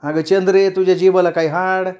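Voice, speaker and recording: A man voicing a sharp-tongued middle-aged woman friend in a storybook reading, with a teasing, scolding manner. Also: sits high, little pitch movement, fairly quick, muffled recording, voice pushed up, close to an everyday voice.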